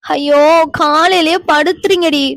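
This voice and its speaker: A woman's voice: very high voice, steady tone, moderate pace, no room sound. A woman voicing a lazy, sleepy young woman in a cartoon, drowsy and whiny. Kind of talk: cartoon voice acting.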